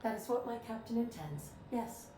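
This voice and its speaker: A woman plays a courteous female ship's computer AI with a crisp, exact delivery. Her lines come out dry and processed like a machine's. The sound is roomy, with steady noise underneath. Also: on the high side, normal speed, natural voice. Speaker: ship's artificial intelligence. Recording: roomy game audio with background noise.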